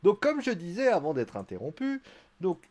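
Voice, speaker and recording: Streamer français, récit animé et blagueur. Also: male voice, high-pitched, huge pitch swings, normal speed, a little mellow. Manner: chatty, joking, theatrical asides. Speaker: wrestling show reviewer. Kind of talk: casual live-stream recap.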